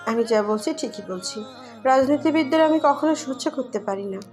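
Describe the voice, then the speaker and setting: Woman doing a high-pitched angry mom, crying and blaming, soft music behind. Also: animated, normal speed. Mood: scolding. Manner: scolding, accusing. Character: tearful angry middle-aged mother, blaming. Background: faint background music.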